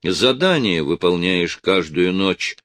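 A man voicing a shrill, spiteful nagging wife. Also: expressive, takes it slowly, dry recording, clean studio sound, exaggerated voice. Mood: sneering. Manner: shouting, hateful, sneering.

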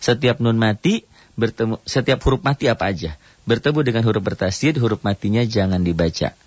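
A man's voice: animated, dry recording, dull audio. Man teaching recitation on the radio. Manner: explains rules in short phrases, then chants verses slowly and higher. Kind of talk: radio tajwid lesson.

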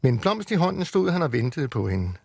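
A man on the radio, reading a children's book aloud with lively storytelling in a studio. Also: fairly high pitch, vocal fry, husky, no room sound. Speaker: radio reader.

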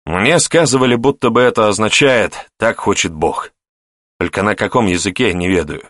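A man's voice: lowish voice, moderate pace, fairly bright tone, no room sound, studio quality, lightly acted. A male audiobook narrator voicing a fervent young fortress defender who bellows war cries. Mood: improvising. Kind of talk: audiobook character voice.

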